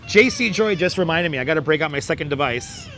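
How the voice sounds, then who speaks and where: A hoarse man with a crackly, squeaky voice hosts a casual livestream on a beach boardwalk, rattling off viewer names and welcoming each in turn. His pitch swings wildly, his pace is quick, and his tone is sharp. A wireless clip-on mic on his phone stream picks up faint traffic and city street noise.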